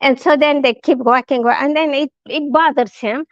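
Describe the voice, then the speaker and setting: Halting, higher-voiced woman telling a story. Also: fairly even intonation, dry recording, dull audio. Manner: halting, many restarts and fillers, acts out quoted lines. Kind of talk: storytelling lecture.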